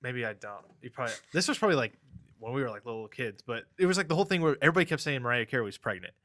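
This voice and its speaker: Bright-voiced young man rambling a story. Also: mid-range voice, lively intonation, very fast. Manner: rambling storytelling, heavy "like" fillers. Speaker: podcast co-host. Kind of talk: casual chat.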